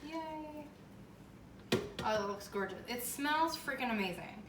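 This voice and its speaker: A woman with a fairly high voice hosts a casual cooking demonstration in a chatty, emphatic way. She is recorded at some distance from the mic in a roomy, echoing space, with clear background noise. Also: lively intonation, a little slow. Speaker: home baking show host.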